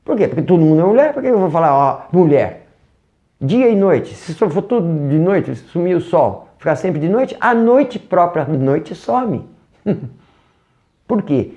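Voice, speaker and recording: A man's voice: a little high, creaky, a little mellow, lo-fi sound. A man teaching an online English course, asking rhetorical questions and answering them himself. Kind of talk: online language lesson.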